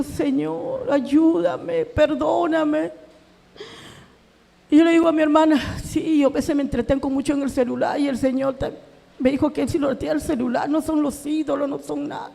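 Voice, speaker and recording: Very high-voiced woman giving an emotional testimony. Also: gravelly, warm tone, in a large hall. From Peru. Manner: earnest, acts out remembered dialogue, voice rising in anguish. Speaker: church member giving testimony. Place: church hall.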